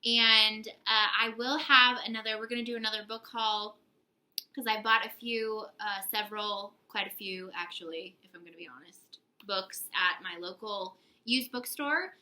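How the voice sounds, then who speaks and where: A woman's voice: medium pitch, fairly even intonation, moderate pace, bright, forceful tone, poor audio. A young woman co-hosting a casual book haul video, chatty and giggly, teasing herself as she talks. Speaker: book channel co-host.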